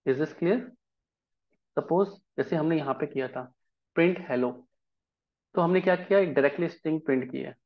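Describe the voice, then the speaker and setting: A man's voice: a little high, moderate pace, long pauses, muffled recording. A man teaching a programming lesson in Hindi, explaining step by step and often checking whether the class follows. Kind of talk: live coding lesson.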